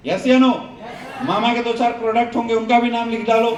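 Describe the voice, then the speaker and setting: A man's voice: extremely high pitch, flat delivery, brisk. A man leading a seminar training talk, firing call-and-response questions at the audience in a joking way. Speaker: network marketing trainer. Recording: roomy echo, voice from a distance, faint hum.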